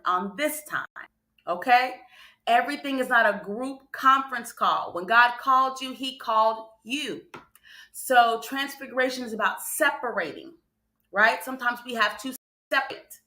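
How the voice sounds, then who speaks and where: A woman with a sharp, fairly high voice preaches a motivational sermon on a morning show, laying it out in numbered points. She is emphatic, repeats phrases for stress and addresses her listeners in conversational asides. The livestream sounds roomy and echoing.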